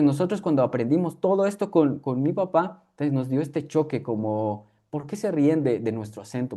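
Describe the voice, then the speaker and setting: In a conversational interview, a young man from Guatemala whose first language is K'iche' reflects in K'iche'-accented Spanish, often restarting and using fillers. He speaks with a warm, medium-pitched voice.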